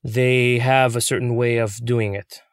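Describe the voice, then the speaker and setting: A young man, a puppeteer, telling his story in an interview, earnest and excitable. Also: medium pitch, a little slow, smooth, dry recording, clean studio sound. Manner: earnest, excitable, many fillers.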